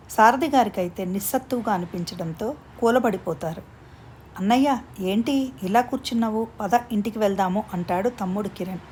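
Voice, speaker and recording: A woman's voice: medium pitch, a little mellow, a little hiss or hum. A woman telling a long family love story aloud, reading every character's lines in her own voice. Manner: reads all parts in her own voice.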